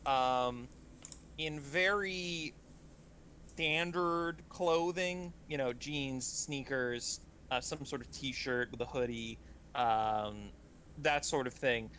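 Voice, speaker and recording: Male game master, mid-pitched, halting delivery, faint background hiss. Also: sharp tone. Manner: halting, many fillers and restarts. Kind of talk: narrating a tabletop game.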